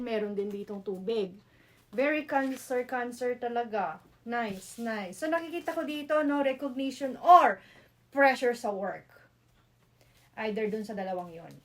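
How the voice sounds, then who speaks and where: A woman's voice: on the high side, unhurried. A woman with a Filipino accent doing a casual tarot reading, chatty, mixing Tagalog and English with frequent "no?" tag questions. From Philippines. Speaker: tarot reader.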